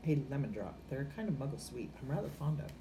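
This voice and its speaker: A woman voicing a calm, kindly, whimsical old wizard headmaster in a storybook, measured and polite. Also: rumbling low, slight background noise. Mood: serene.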